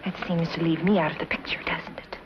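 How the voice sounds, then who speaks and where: An actress playing a proud, sharp-tongued young woman with a crisp, cutting way of speaking. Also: low-pitched, fairly even intonation, fast, in a whisper, close to an everyday voice. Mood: bitter. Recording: dull 1950s TV soundtrack with hiss.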